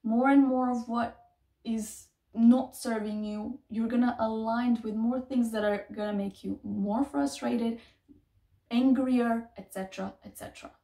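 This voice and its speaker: Speaking to a camera set a few feet off in her small bedroom, a thirties-aged woman who isn't a native English speaker gives an emphatic, repetitive motivational talk as a self-help vlogger. Her voice is on the high side, creaky and dark, holding a steady tone at a slightly slow pace. The room echoes and the mic is distant.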